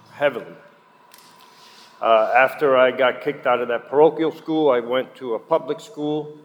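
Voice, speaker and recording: Middle-aged man sharing a candid testimony at a meeting, mid-pitched, long hall reverb, faint hiss. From Puerto Rico, raised in New Jersey. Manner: candid, conversational, with frequent fillers. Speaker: guest speaker at a recovery meeting. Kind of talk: personal recovery testimony.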